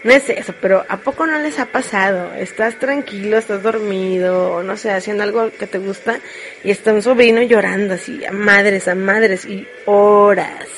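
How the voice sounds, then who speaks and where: A woman's voice: medium pitch, moderate pace, slight background noise. A woman with a Mexican accent chatting casually and frankly to live viewers, joking as she rambles through her confessions. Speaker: streamer.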